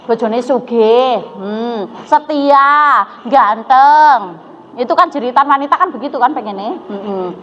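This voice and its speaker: In a dull, echoey hall with faint background noise, a female preacher with a Javanese accent lectures women on religion. She tells stories, poses questions to the audience and slips into Javanese, her fairly high, slightly bright voice taking things slowly.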